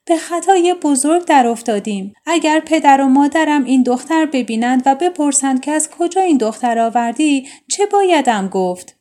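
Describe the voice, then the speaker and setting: A woman's voice: high voice, animated, few pauses, mellow. A woman voicing a proud, indignant young princess in a storybook tale. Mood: distressed.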